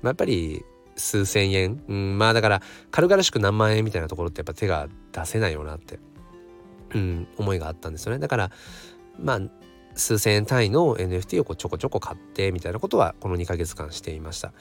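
A man with a hoarse voice hosts a casual solo audio channel, thinking aloud in a hesitant way. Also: low voice, big pitch swings, quick pace, faint music behind. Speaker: host of a daily audio channel.

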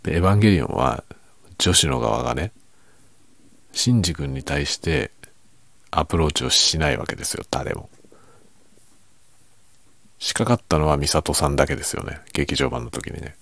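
A man chatting casually and quietly by himself late at night, musing and giving his opinions in a low-key way with softened sentence endings. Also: lively intonation, normal speed, vocal fry, pauses often, no room sound. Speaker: writer chatting as host.

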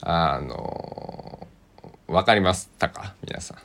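A man with a deep voice and a Kochi accent hosts a casual solo radio show. He rambles at an easy pace, pausing often and trailing into soft asides. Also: expressive, vocal fry. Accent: Kochi (Tosa) Japanese. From Kochi, Japan. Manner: rambling, unhurried, many hesitations and soft asides. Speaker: podcast host.

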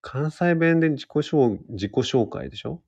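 Gravelly-voiced man chatting on live radio. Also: fairly high pitch, expressive, moderate pace, a little mellow, highs cut off. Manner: chatty, self-deprecating, answers listener comments. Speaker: radio host. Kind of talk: casual solo livestream radio talk.

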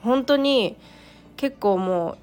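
A woman with a croaky voice, hoarse from a cold, talking casually and haltingly as the solo host of a personal podcast. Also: a little high, expressive, a little mellow. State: hoarse from a cold, throat-clearing.

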